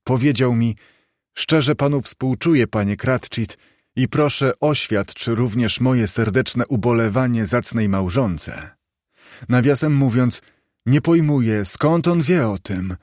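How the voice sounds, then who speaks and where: A man reading the part of a humble, grieving clerk and father, in a warm and earnest tone. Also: medium pitch, slow pace, dry recording, studio quality, lightly acted.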